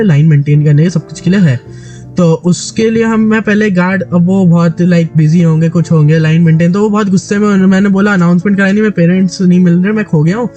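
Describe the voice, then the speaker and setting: A man's voice: sits high, darkish tone, highs cut off. A man from Delhi with a sore, dry throat, animatedly telling a story to a friend in casual chat, with many restarts. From Delhi, India. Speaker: gaming YouTuber.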